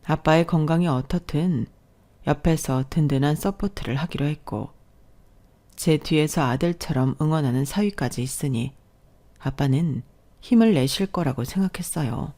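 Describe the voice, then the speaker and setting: 여성 낭독자가 1인칭 사연을 차분하고 고른 목소리로 읽어 나갑니다. 담담하게 또박또박 이야기를 풀어가는 대본 낭독입니다. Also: female voice, sits low, normal speed, mellow. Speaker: storyteller. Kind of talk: scripted first-person story narration.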